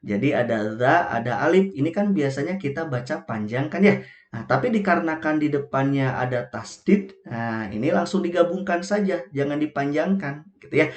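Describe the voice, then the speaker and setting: Patient male Quran teacher, echoey room. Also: medium pitch. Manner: patient, repeats "gitu ya" often; slowly chants Arabic examples. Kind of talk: online tajweed lesson.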